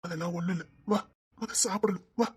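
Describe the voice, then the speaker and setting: A man with a Tirunelveli Tamil accent playing an older man on duty, a gruff yet tender lover who stammers. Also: high voice, brisk, darkish tone. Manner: stammers, turns from cold to tender. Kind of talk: romantic short-drama acting.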